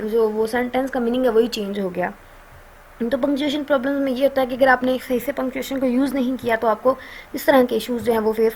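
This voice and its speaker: A woman with a Pakistani accent talks through a course lecture in a relaxed, conversational way. Her voice sits a little high, and she often pauses on fillers and checks in with her listeners as she explains. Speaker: online lecturer.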